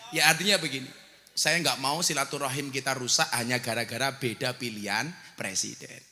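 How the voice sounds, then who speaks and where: A man in his forties with a Javanese accent, preaching a comic sermon to a crowd and teasing with loud bursts. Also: medium pitch, fairly even intonation, fairly quick. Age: 40s. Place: outdoor religious gathering with crowd. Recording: long hall reverb, faint noise.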